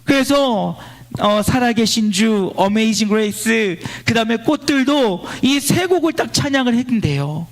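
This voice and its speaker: A male pastor preaching at a church service, leading a line-by-line scripture reading and swinging between loud exclamations and quiet storytelling. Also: very high voice, expressive, moderate pace. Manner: exclaims praise lines loudly, then drops to quiet storytelling. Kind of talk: sermon.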